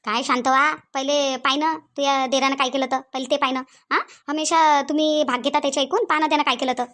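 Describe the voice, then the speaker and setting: A woman's voice: high voice, fairly even intonation, fast talker, fairly bright tone. A woman voicing an angry, scolding middle-aged mother-in-law in a cartoon, with a Varhadi Marathi accent and a habit of repeating herself. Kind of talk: cartoon voice acting.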